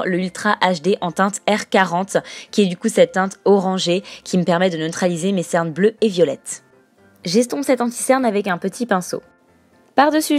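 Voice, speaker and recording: A woman's voice: medium pitch, darkish tone, no room sound. A woman narrating a makeup tutorial as a voice-over, explaining each step as she goes with frequent small fillers. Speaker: beauty vlogger.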